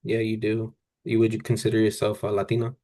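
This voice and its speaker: A man speaking as a calm, gentle therapist in a counselling role-play, asking questions in a halting, tentative way and often rephrasing. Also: lowish voice.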